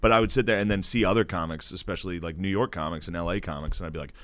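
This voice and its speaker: A man's voice: low-pitched, steady tone, very fast, fairly bright tone, a little hiss or hum. A man who is a comedian guest, talking casually on a podcast in a loose, profane way, often laughing and trailing off.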